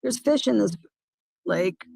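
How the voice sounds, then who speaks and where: A woman chatting casually on a phone livestream by a lake, talking in halting, rambling bursts with many restarts. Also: medium pitch, lively intonation, gravelly, dark tone, dry recording. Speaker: van-life vlogger. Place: parked by a lake.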